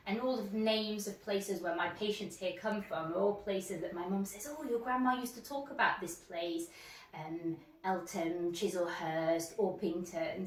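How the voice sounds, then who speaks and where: A woman's voice: medium pitch, slight background noise. Chatty woman from france, er doctor in her 30s, upbeat, echoey room, mic a bit far off. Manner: upbeat, chatty, quick asides. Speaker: emergency doctor. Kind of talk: speaking to camera about her career. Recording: roomy, distant mic.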